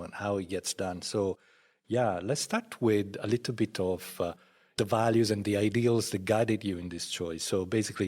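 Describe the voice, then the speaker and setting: A man hosting a studio conversation with interns, relaxed and welcoming. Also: deep voice. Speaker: host, library director. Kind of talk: podcast interview.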